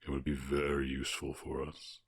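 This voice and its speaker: A man plays a calm, commanding orc warchief in an ASMR roleplay, his very deep, husky voice measured, condescending and teasing. The recording is dry and studio quality.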